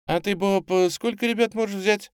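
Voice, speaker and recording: A man's voice: high-pitched, fairly even intonation, moderate pace, clear, resonant tone, no echo, clean studio sound, pitched above the performer's own voice, close to an everyday voice. A man voicing a cheerful, kind young woman who coaxes street children, in an audiobook. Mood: gentle. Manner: warm and coaxing.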